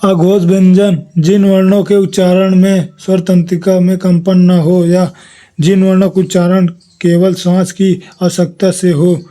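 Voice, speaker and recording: A man's voice: sits high, little pitch movement, measured pace, dark tone. A man giving an exam revision lesson, reading his notes aloud and listing letters one by one. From India. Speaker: teacher.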